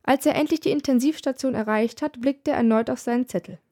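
A woman's voice: sits high, fast talker, warm tone. Woman reading a wry tale aloud. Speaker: narrator. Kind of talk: storytelling reading with character voices.

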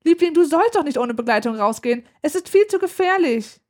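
An anxious mother scolds and frets in a high, raised voice, as a woman reader puts her on. She sounds shrill and worked up, fussing over her child in a storybook reading. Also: fast, darkish tone, natural voice. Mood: agitated. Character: worried, agitated adult mother. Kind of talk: audiobook reading.

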